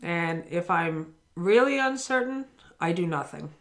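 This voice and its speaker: A woman spiritual teacher delivers a daily lesson straight to camera, earnest and encouraging as she addresses the listener directly. Her voice is on the low side, a little slow, with lively intonation.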